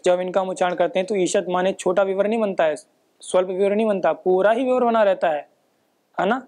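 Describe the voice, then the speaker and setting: A woman teaching in a patient classroom manner, pausing to ask a question and then answering it herself. She sounds out syllables slowly and one at a time, and keeps checking in with her listeners. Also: medium pitch, mellow. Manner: frequent checking tags like "है ना?". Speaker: Sanskrit teacher. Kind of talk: explanatory phonetics lecture.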